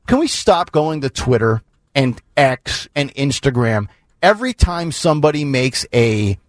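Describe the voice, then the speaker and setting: A man's voice: medium pitch, very animated, measured pace, dry recording. A man hosting a morning talk radio show, reading out a story and then chatting it over in a rambling, self-interrupting way. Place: radio studio.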